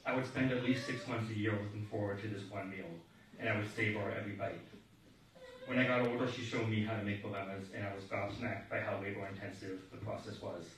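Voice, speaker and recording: Guy reading a eulogy for his grandma, lowish voice, big echoey hall, sounds far from the mic. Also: flat delivery, a little fast, a bit bright, slight background noise. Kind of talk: read eulogy. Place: large echoey hall at a memorial service.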